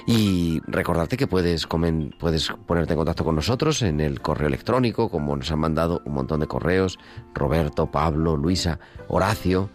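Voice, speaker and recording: A man from hosting a live radio program and briskly reading out contact details for listeners. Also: low-pitched, darkish tone. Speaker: radio host.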